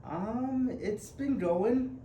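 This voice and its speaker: This podcast guest, a twenty-one-year-old man from Uganda, has an extremely high-pitched, dark-toned voice and draws out his words. His casual conversation is chatty and hesitant, packed with fillers and restarts, and it's recorded in an echoey room with background noise.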